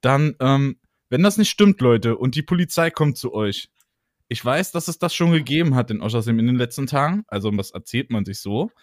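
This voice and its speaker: A man's voice: medium pitch, expressive, a little fast, no echo, studio quality. A man co-hosting a casual podcast, teasing his partner and laughing easily. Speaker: podcast co-host.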